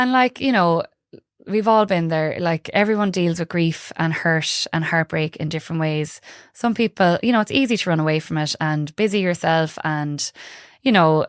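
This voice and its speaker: A woman's voice: fairly low pitch, smooth, no room sound, clean studio sound. A woman with a west of Ireland accent from Galway, talking informally and reflectively as an interview guest, often saying "like" and "you know". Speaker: podcast guest, holistic heart-healing practitioner. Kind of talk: casual conversational interview.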